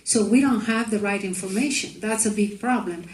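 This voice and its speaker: A woman's voice: medium pitch, normal speed, darkish tone. A woman who produced the film, answering on a panel in a hesitant way, searching for words. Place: festival screening room. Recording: echoey room with faint noise.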